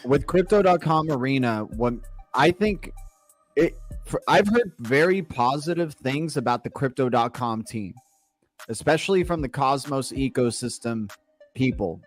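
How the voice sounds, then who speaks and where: A man's voice: medium pitch, animated, unhurried, soft background music. A man in a casual crypto chat, laid-back and joking.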